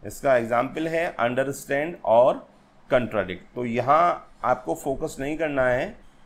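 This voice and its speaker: A man teaching an exam-prep lesson, speaking slowly and repeating each point, reading English definitions aloud between explanations. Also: mid-range voice. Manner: slow and repetitive, addresses viewers as friends, reads English definitions aloud. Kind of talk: exam-prep lecture on poetic meter.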